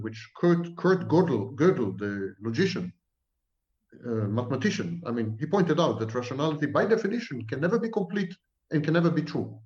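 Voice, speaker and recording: A guest psychology professor from Israel delivers lengthy, emphatic answers in a repetitive lecturing manner marked by sweeping statements. He has a mid-range voice with a darkish tone, heard in an echoey room with dull audio.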